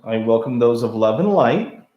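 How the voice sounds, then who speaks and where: A man's voice: medium pitch, animated, normal speed, highs cut off. A man hosting a live spirit box session, talking to a ghost in short, polite, earnest questions and requests. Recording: echoey room sound.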